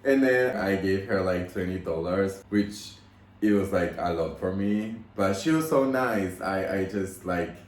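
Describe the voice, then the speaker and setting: Low-voiced young man rambling through a story. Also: a little slow. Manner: rambling, heavy use of "like" fillers; emotional, gushing retelling. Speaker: model telling a story. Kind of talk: casual story time. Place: at home. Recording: roomy echo.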